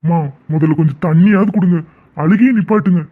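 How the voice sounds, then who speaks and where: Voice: mid-range voice, fast talker, close to an everyday voice. An actor voicing a stubborn young adult son in a cartoon, firm and exasperated with his mother. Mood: panicked worried. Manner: firm, exasperated, then panicked. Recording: tinny phone-like audio.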